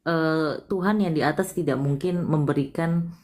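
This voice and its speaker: Deep-ish woman doing a palm reading live, soothing, keeps saying dear. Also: moderate pace, darkish tone. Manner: soothing, calls listener sayang often. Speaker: palm reader host. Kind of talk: live stream reading and consoling.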